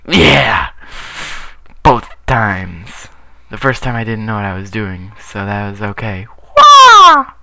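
A young man giving goofy, playful gameplay commentary with sudden loud yelps. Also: lowish voice, takes it slowly, gravelly, no room sound. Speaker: gamer.

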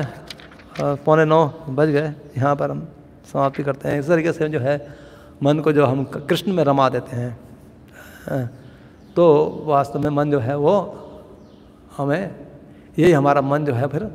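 A man giving a devotional scripture class, telling the story in a lively way and chuckling as he goes. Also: fairly high pitch, measured pace, pauses often, long reverb tail, slight background noise. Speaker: lecturer on scripture.

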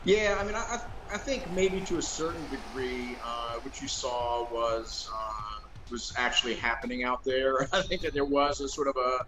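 A man's voice: medium pitch, a bit bright, slight background noise, low-quality recording. A middle-aged man giving casual football analysis over a video call from a room at home, thoughtful and hedging with lots of fillers. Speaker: co-host analyst. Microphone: video call webcam.

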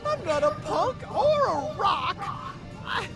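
An actress voicing a timid, soft-hearted young woman in a video game, hesitant and stammering. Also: very high voice, very animated, slow, exaggerated voice. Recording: game audio under loud music.

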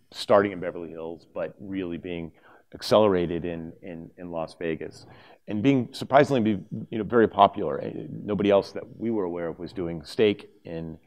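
Middle-aged man, very low voice, conference presenter at a lectern, loose and conversational, trips over his words now and then. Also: a little mellow. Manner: conversational, with many fillers and restarts. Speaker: conference speaker. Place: conference hall stage, at a lectern. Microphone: lapel mic.

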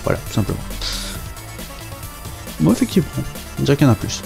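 A man's voice: a little high, sing-song, fast, gravelly, music in the background. A man casually commenting on a game as he plays, chatty and hesitant, with many fillers and joking asides. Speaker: game video presenter.

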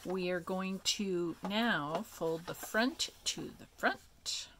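A woman hosting a craft tutorial, explaining each step in a relaxed, chatty way with many ums and asides. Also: fairly low pitch, slow, a little hiss or hum. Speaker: craft video host.

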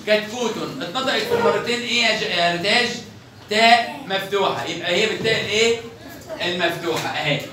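High-voiced Egyptian teacher in echoey room. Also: male voice, noisy background. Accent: Egyptian Arabic. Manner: drawn-out repeated example words, quizzing pupils by name. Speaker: primary school teacher. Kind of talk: children's grammar lesson. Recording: echoey room, mic far off.

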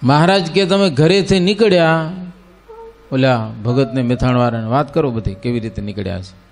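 A man telling a devotional story in a folksy, animated way, often turning to listeners and breaking into sung verse. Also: mid-range voice, fairly quick, vocal fry. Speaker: religious storyteller.

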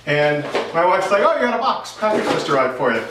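The host of a woodworking vlog, a man in his thirties, talks casually to camera inside his home workshop, rambling and conversational. His voice is a little high and brisk, with big swings in pitch. Sound is distant, roomy, and noisy.

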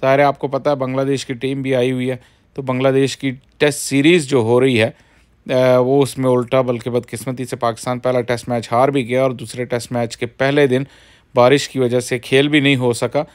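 A man talks through a casual vlog in a mid-pitched, ordinary voice, explaining each point at length. He fills his sentences with small filler phrases. He speaks outdoors into a phone camera. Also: little pitch movement, brisk. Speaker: cricket vlogger.

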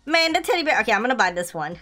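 A woman with a high-pitched voice streams a horror game with playful fright. She comments in a casual, slangy way and repeats her phrases excitedly. Faint music plays behind her. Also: rapid-fire. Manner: scared horror game streamer, shrieking and pleading in mock fright.

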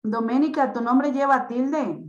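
A woman teacher speaks to young pupils over a video call, slow and drawn out, her voice a little high. The room around her rings with echo. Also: muffled recording. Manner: slow, patient, drawn-out explanations to children. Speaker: primary school teacher. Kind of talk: online class for children.

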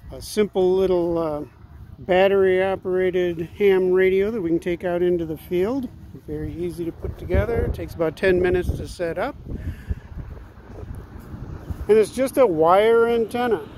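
Standing outdoors in a residential front yard, a man with a high, slightly mellow voice talks folksily and casually to camera about his ham radio hobby at a moderate pace. He records on a phone held at arm's length, and the low-quality audio carries outdoor background noise.

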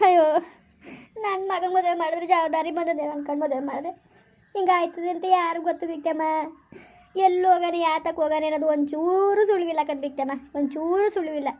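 Older village mother-in-law, played by a woman, very high voice, repeats her reassurances, village family drama. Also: fairly even intonation, brisk, darkish tone. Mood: consoling. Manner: insistent reassuring.

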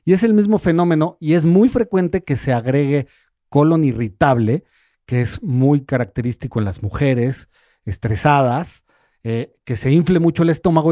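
A man, a gastroenterologist guest calmly explaining symptoms on a radio talk show. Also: a little high, no echo, studio quality. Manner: calm, explanatory, walks through a quiz step by step. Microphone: studio microphone.

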